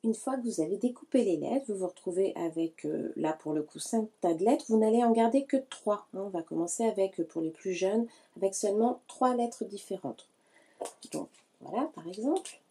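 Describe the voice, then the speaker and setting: A woman calmly explaining a hands-on learning activity to parents, speaking directly to them in a patient tutorial style. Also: mid-range voice, moderate pace, slightly rough. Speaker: early-learning educator.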